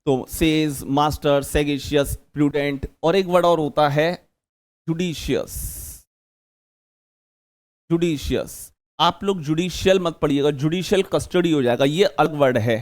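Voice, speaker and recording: A man's voice: a little high, a little slow. A man teaching an exam-prep vocabulary lesson, chatty and joking, repeating key words as memory tricks.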